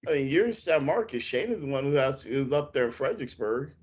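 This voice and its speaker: A man hosting a relaxed podcast, talking in a halting way full of ums and restarts. His voice sits in a mid register. The sound is dull and lo-fi, like an online call. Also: mid-range voice, slightly rough. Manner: rambling, halting, many fillers. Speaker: podcast host. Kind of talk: casual chat.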